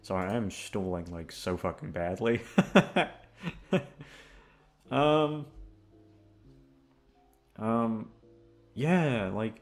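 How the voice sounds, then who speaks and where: This young adult audio roleplay voice actor speaks in a lowish voice, stretching his words and pausing often, with music playing behind him. He rambles to his listeners in a casual, hesitant, self-deprecating way, swearing as he goes.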